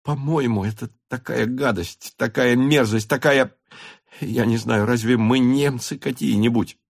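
A man reading a novel aloud, voicing an indignant young girl who pleads with her mother in shrill, tearful outbursts. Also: measured pace, creaky, a little mellow, no room sound, studio quality, heavily acted.

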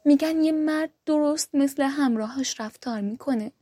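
Clever young noble wife who talks back, read by a lady, firm, high warm voice. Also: dry recording, studio quality, close to an everyday voice. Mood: defiant. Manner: firm and outspoken. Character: wise, defiant young noblewoman, merchant's wife.

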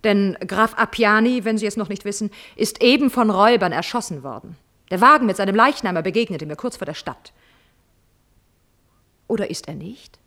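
In a classical radio drama, an actress plays a proud countess who has been spurned, sounding wounded, bitter, and insistent as she swings theatrically between exclamations and whispers, with a sharp, scornful mood. Her natural female voice is medium-pitched and a bit bright, at a normal speed.

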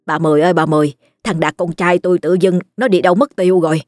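A woman's voice: lowish voice, steady tone, quick pace, a little mellow, dry recording, studio quality, lightly acted. A woman voicing a frantic older village mother.

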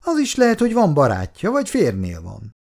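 A man voicing a jovial army lieutenant who teases his friend loudly and heartily in an audiobook. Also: fairly high pitch, wildly swooping pitch, gravelly, pitched above the performer's own voice, exaggerated voice. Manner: loud, mocking, hearty. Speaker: platoon lieutenant.

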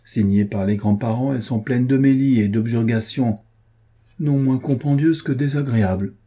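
A man voicing a proud, jesting young impoverished marquis in a classic novel reading, with a lively, declamatory manner. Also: mid-range voice, normal speed, lightly acted. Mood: bantering.

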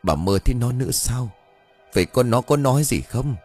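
A man voicing a worried older husband, anxious and pleading, with soft music behind. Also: mid-range voice, lively intonation, moderate pace, breathy edge.

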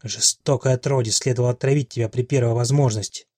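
Old crone witch, shrieking and lamenting, husky, read by a man. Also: medium pitch, steady tone, a little fast, mellow, dry recording, clean studio sound, close to an everyday voice. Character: ancient wailing female witch, gone hysterical.

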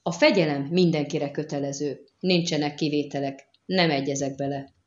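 A man's voice: fairly high pitch, fairly even intonation, echoey room, highs cut off, close to an everyday voice. A woman voicing a stern, curt middle-aged male imperial inquisitor who hisses his commands, in an audiobook reading.

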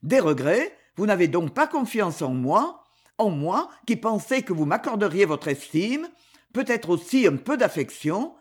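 A reader voicing a proud young duke, earnest. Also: male voice, high voice, big pitch swings, measured pace, breathy edge, heavily acted. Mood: pleading. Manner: earnest, pleading. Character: proud young male duke, ardent suitor.

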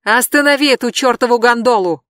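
A reader voicing a desperate man with a rifle, yelling threats. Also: mid-range voice, brisk, no room sound, clean studio sound, pitched above the performer's own voice, lightly acted.

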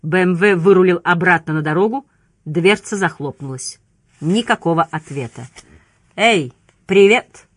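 A woman narrating an audiobook in a steady storytelling manner. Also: on the low side, normal speed, dry recording.

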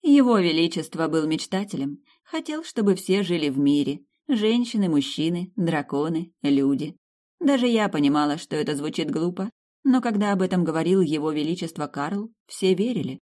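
A woman's voice: lowish voice, lively intonation, moderate pace, mellow, voice pushed up. A woman voicing a guileless young dragon countess. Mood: fond.

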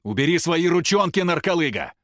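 A man doing a shrill, outraged old man. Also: sing-song, brisk, no room sound, studio quality. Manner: shouting, self-righteous, blustering.

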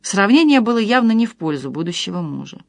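A woman reading a novel aloud as an audiobook narrator, in a measured and expressive way. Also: mid-range voice, creaky, dry recording.

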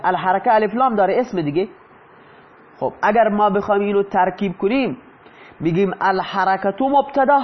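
A high-pitched male teacher explains grammar step by step. He keeps posing questions to the class and answering them himself. The recording sounds dull and lo-fi. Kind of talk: explaining lesson in Persian.

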